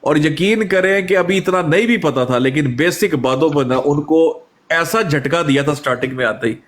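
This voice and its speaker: Guy, bit high voice, telling stories in a chatty interview, acts out the back and forth. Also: normal speed. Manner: animated storytelling, acting out quoted exchanges. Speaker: guest. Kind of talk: casual conversational interview.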